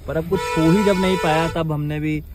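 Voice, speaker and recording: A man's voice: fairly high pitch, steady tone, fairly quick, loud music behind the voice. A man vlogging from a car stuck in a mountain traffic jam, explaining the situation in a matter-of-fact way. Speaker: travel vlogger. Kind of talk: casual vlog chat. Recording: clear car and road noise.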